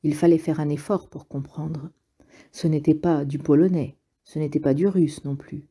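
Low, dark-voiced woman reading a novel. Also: husky. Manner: calm, measured literary reading. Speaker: audiobook reader. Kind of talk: audiobook narration.

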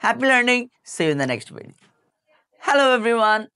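A man teaching English pronunciation to camera, demonstrating sounds slowly and repeating them for emphasis. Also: very high voice, big pitch swings, pushed and bright, smooth.

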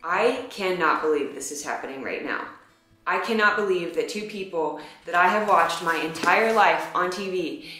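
A woman's voice: on the low side, normal speed, bright, forceful tone, soft background music. A young woman chatting casually while crying, tearful and choked up, her voice breaking into wails. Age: young adult. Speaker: vlogger opening fan gifts. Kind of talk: emotional casual chat. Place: small plain indoor room. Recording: echoey small room.

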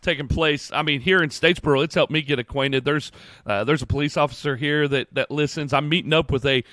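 A man co-hosts a podcast with a friendly, loose, rambling way of talking. His voice sits on the higher side. The sound is dry and close, with no room echo. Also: fairly even intonation, fast, fairly bright tone. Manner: friendly, rambling, announcing events. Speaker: podcast co-host. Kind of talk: casual podcast chat.

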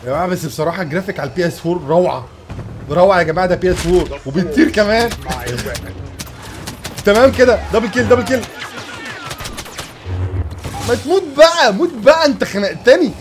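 A young man with an Egyptian Arabic accent hosting excited gameplay commentary, gushing and laughing as he plays. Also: high voice, very fast, slight background noise. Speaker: gaming channel host.

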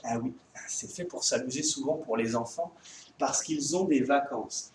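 A man's voice: mid-range voice, measured pace, heavy reverb, recorded from a distance, noisy background. A man teaching a remote lesson to young children, with a French accent, talking in a patient, sing-song way. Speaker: kindergarten teacher.

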